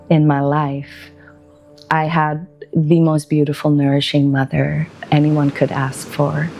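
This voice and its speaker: Low, flat-voiced reflective woman over music. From Belgium. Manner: slow, gentle and reflective, with pauses. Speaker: wellbeing practitioner.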